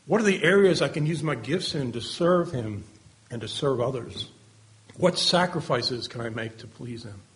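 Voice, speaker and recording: Guy giving a sermon, mid pitch, earnest, asks lots of questions, voice drops off at the ends. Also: expressive, moderate pace, fairly bright tone. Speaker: preacher.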